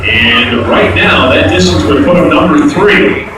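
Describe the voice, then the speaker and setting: A male tractor pull announcer calls the action live over a booming, echoing fairground PA, picked up from far off. His voice sits a little high for a man, with a folksy play-by-play delivery. Loud engine noise runs behind him. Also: animated, unhurried. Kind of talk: live motorsport commentary over a PA. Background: loud vehicle engines and ambience.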